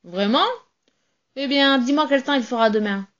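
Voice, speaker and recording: A woman doing a loud, boozy sailor, lo-fi. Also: high-pitched, normal speed. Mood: jovial. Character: hearty, boozy adult male sailor.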